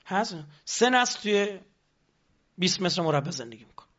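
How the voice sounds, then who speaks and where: A high-voiced man lectures with lively energy and throws rhetorical questions at his listeners. The recording has a dull, lo-fi sound. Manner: animated, rhetorical questions to the audience. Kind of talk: lecture on politics.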